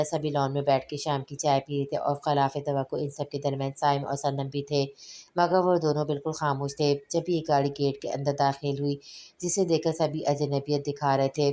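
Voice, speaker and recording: A woman reading a romance novel aloud in a steady, even storytelling manner. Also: deep voice, moderate pace. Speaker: audiobook narrator.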